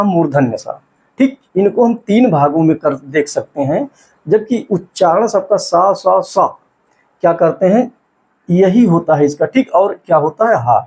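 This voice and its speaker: A man teaching an exam-prep class in a husky, slightly high voice. He poses a question and answers it himself, then slows down to sound out syllables one by one. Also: lively intonation, a little mellow.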